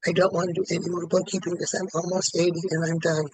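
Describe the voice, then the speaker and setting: In a tapping session, a client in his late seventies keeps repeating the same statement at a brisk, even pace. His voice is high, flat, and creaky, captured up close and dry without any room sound.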